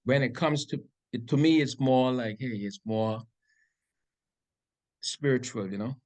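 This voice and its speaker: A man's voice: medium pitch, unhurried, darkish tone. Laid-back Bahamian man, hesitant. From Grand Bahama, Bahamas. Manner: laid-back, hesitant with many ums and restarts. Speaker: interview guest, reggae artist. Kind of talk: casual interview answers.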